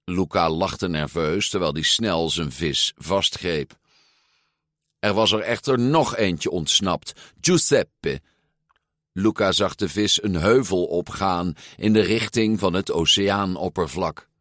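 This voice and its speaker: Deep, slow male storybook narrator. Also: dry recording, clean studio sound. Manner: measured, expressive read-aloud. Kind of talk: storybook reading.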